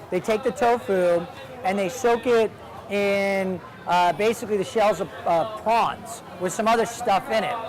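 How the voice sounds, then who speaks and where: A man hosting a travel show, chatting casually as he tries street food at an outdoor night market. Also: high-pitched. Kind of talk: casual on-location food commentary. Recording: noisy crowd outdoors. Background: busy crowd chatter.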